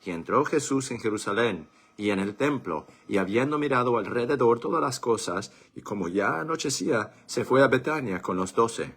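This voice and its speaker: A man reading scripture aloud for a church, in a measured and deliberate way. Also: medium pitch, animated, a bit bright, breathy edge. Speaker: church Bible reader.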